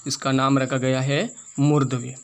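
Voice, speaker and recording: A man's voice: medium pitch, level tone, normal speed. A man teaching a grammar lesson for exam preparation, speaking with a Rajasthani Hindi accent, spelling sounds out one by one and repeating each term.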